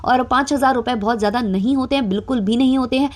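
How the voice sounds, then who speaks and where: A fast-talking young woman with a slightly high voice delivers chatty gossip commentary as a vlogger, peppering it with filler sounds and a touch of sarcasm.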